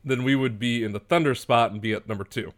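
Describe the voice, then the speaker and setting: A man hosting a podcast in casual chat, laid-back and quick to laugh. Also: mid-range voice. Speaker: podcast host.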